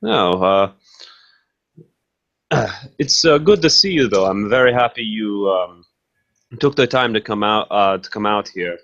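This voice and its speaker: A man role-playing a beastly, courteous master of wolves from the forest, speaking haltingly and earnestly. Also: lowish voice, animated, fairly bright tone, highs cut off. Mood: welcoming. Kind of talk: tabletop role-play in character.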